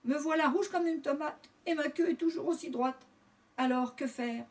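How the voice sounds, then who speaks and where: A woman's voice: on the high side, very animated, a little fast, a little mellow, distant mic. A woman voicing a small male piglet, plaintive and whimpering. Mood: fretful. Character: small sad male piglet, whiny and hopeful.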